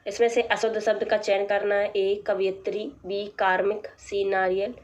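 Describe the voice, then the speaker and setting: A woman teacher going through a practice test, reading out each option and then explaining the right answer in a plain, measured way. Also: medium pitch, little pitch movement. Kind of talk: exam practice lesson.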